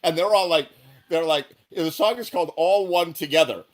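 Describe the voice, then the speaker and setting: A man hosting a live online music show, chatting in a relaxed way with lots of fillers. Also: on the high side, normal speed. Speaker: host.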